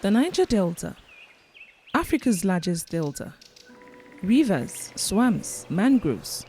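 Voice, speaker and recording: A woman reads scripted documentary narration in a solemn, clear way, her pitch moving a lot. Soft music plays underneath. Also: big pitch swings, takes it slowly.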